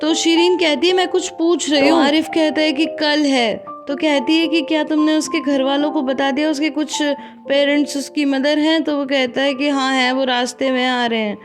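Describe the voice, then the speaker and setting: A woman's voice: high voice, steady tone, normal speed, music in the background. A woman hosting a drama recap, retelling the story in a casual, conversational way and speaking directly to viewers.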